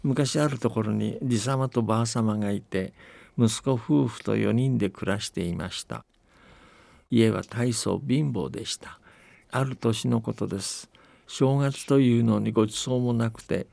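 A man on a radio show, chatting casually and then narrating a folktale in a gentle, unhurried way. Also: fairly low pitch, vocal fry, dry recording. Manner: gentle, unhurried conversational telling.

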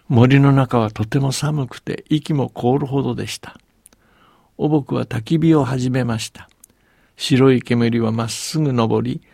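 A man narrating a storybook in a calm, even way, sometimes dropping to a hush. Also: mid-range voice, gravelly, no room sound, clean studio sound.

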